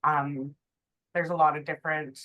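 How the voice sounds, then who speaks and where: Low-voiced, hesitant woman. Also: level tone, normal speed, muffled recording. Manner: searching, hesitant, many fillers. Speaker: new nonprofit manager. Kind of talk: reflective sharing. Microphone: video call.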